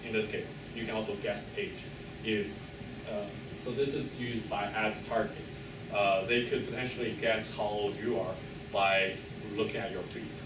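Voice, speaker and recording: A man with a slightly low voice delivers a thesis defense talk. He is halting and hedging, often pausing to fill gaps as he searches for the next phrase. The recording is roomy and echoing, with clear noise behind him. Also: fairly even intonation. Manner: hesitant, hedging, halting delivery with many filled pauses. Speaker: PhD candidate presenting a thesis defense. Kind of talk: academic presentation, loosely scripted. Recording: echoey room, distant mic, clear background noise.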